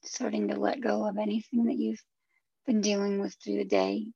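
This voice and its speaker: A woman leading a guided relaxation in a soft, husky, breathy voice that nears a whisper, soothing and gently instructive. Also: mid-range voice, level tone, moderate pace, no echo, highs cut off. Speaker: guided meditation leader.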